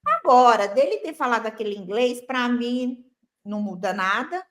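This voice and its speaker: A woman's voice: fairly high pitch, lively intonation, normal speed, a bit bright. A Brazilian woman co-hosting a casual talk show, giving her opinions in a chatty way and asking rhetorical questions. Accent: Brazilian Portuguese. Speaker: co-host.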